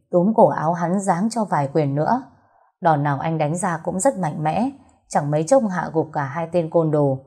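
A woman narrating a romance audiobook in a steady storytelling voice. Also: sits low, husky.

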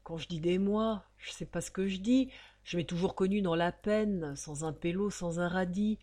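A woman's voice: lowish voice, normal speed, mellow, lightly acted. A woman reciting verse as a starving, shivering old male prisoner, plaintive and partly whispered.

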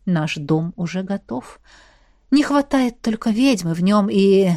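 A woman voicing a brooding male warrior who speaks softly and intimately, recorded dry and close. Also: mid-range voice, expressive, measured pace, dry recording. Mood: calm. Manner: soft, hushed, intimate. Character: brooding male warrior lover, low and tender.

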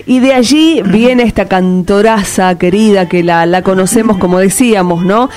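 A woman hosting a radio interview, asking lively, affectionate questions. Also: medium pitch, normal speed. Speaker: radio host.

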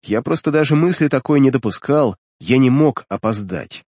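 Brief: male narrator, husky voice, lively pitch, dramatic first-person fantasy reading. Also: normal speed, dry recording, clean studio sound. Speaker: audiobook narrator.

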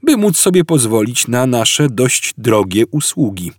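A man reads a gentle old man in an audiobook. His voice is soft, sad and hesitant, slow and a little husky. It rises and falls widely. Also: mid-range voice, big pitch swings, no room sound, studio quality, voice pushed up. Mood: mild, wistful. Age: over 60. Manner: soft-spoken, hesitant, mournful. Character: gentle, melancholy old man, mild and weary.

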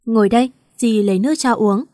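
A woman reading the lines of a caring, sorrowful middle-aged aunt who talks slowly and motherly. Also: on the high side, steady tone, warm tone, dry recording, clean studio sound, natural voice.

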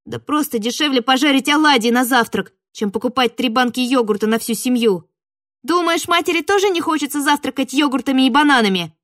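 A woman voicing a naive, flustered young sister in an audiobook, high and heated. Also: lively intonation, fairly quick, a bit bright, no room sound, studio quality. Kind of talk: audiobook character voice.

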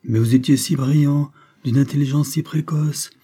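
A man's voice: a little high, fairly even intonation, normal speed, dark tone, slightly rough, voice pushed up. A man voicing a self-assured old male professor with a quavering, patronizing voice. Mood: insistent. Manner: patronizing, then sneering.

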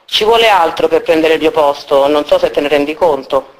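A woman's voice: sits low, brisk, natural voice, low-quality recording. A woman reading as a furious, scornful ex. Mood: scornful, angry. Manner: scornful, insulting outbursts. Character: furious domineering middle-aged woman, ex-partner. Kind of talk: dramatic reading aloud.

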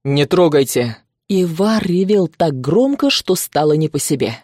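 A woman narrating a novel in the first person, expressive and lively. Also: fairly low pitch, moderate pace, dry recording, clean studio sound.

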